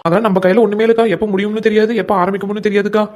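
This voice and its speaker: A woman's voice: mid-range voice, level tone, racing, a little mellow, close to an everyday voice. A woman voicing a cheeky, teasing young village woman in a comic cartoon. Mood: resigned. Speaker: cartoon voice actor.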